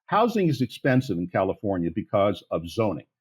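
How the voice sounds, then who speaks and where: A husky, lowish voice with wildly swooping pitch belongs to a Pittsburgh-area man in his sixties, a guest on a podcast interview. Talking fairly quickly, he comes across blunt and candid, rambling with lots of restarts.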